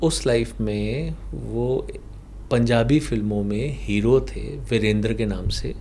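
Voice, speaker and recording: A man whose first language is Punjabi, a past life regression therapist in a podcast interview, recounting a client's session slowly with rhetorical questions. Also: mid-range voice, dark tone, slight background noise. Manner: slow, explanatory storytelling with rhetorical questions.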